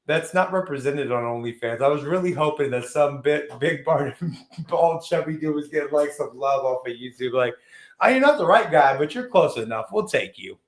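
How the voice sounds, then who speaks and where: A man's voice: on the high side, lively intonation, moderate pace. Profane joking man, roomy sound. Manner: crude, boastful joking, heavy swearing. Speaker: podcast host. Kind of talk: casual chat.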